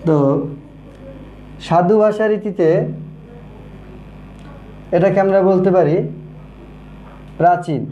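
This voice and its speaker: Brief: male teacher, slightly high voice, mellow tone, repeats key terms, echoey room. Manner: slow and repetitive, says key terms twice. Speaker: grammar teacher. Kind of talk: online grammar lesson, writing on a board. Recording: echoey room with faint noise.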